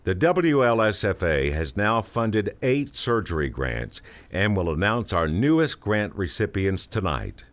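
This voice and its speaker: Slow, low-voiced male event announcer. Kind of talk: formal stage announcement.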